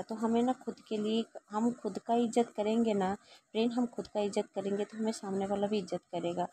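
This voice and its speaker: A woman's voice: mid-range voice, dark tone, slight background noise. A woman in her thirties, a mother talking casually to her viewers in a chatty, repetitive way while cooking in her home kitchen. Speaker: vlogger and mother.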